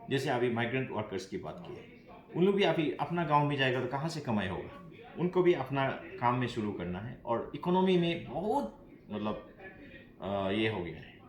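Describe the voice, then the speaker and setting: A man, a police officer giving earnest, halting answers in an interview. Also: medium pitch, big pitch swings. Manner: earnest, halting, many restarts, mixes English phrases. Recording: echoey, crowd noise behind.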